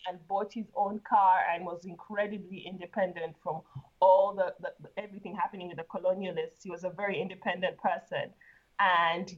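A woman's voice: on the low side, fairly even intonation, a little fast. Woman from Uganda, interview guest, chatty, laughing, repeats words, dull lo-fi audio. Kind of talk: casual interview.

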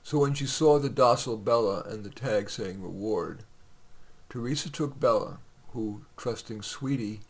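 A man's voice: on the low side, normal speed. A man reading his own short stories aloud on a podcast, in a conversational way with occasional fillers.

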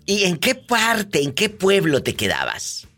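Very animated, bright woman hosting. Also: lowish voice, measured pace, soft background music. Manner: teasing, colloquial, exclamatory. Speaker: radio show host. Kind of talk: lively call-in banter.

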